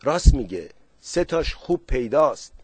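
A man's voice: mid-range voice, big pitch swings, darkish tone, breathy edge, no room sound, pitched above the performer's own voice. A man voicing a fretful, doubtful village man. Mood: uneasy.

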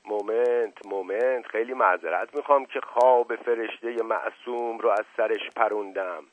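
A man's voice: on the low side, natural voice. A man voicing a witty middle-aged aristocrat who mocks and teases in a playful, sarcastic way, on a tinny radio recording. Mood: mocking. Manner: playful, sarcastic, repeats "moment" as a quip.

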